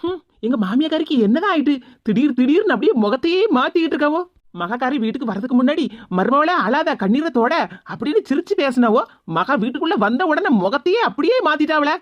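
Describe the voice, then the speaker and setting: A woman's voice: high voice, expressive, quick pace, no echo, highs cut off. A woman voicing a fretful young daughter-in-law. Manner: fretful, complaining. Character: anxious young daughter-in-law, put-upon.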